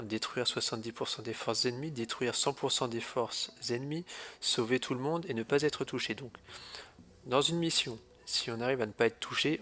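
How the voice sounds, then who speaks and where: A man with a stuffy nose from a cold, casually walking through a mobile game, pausing often with hesitant fillers. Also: medium pitch, fairly bright tone. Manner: hesitant, fills pauses with "euh". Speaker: gaming video host. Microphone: phone or tablet screen recording.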